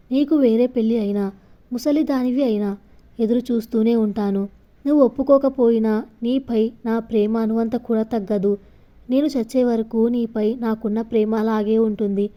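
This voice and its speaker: A woman's voice: fairly high pitch, highs cut off, lightly acted. A woman voicing a devoted young man who pleads earnestly and tenderly with the woman he loves.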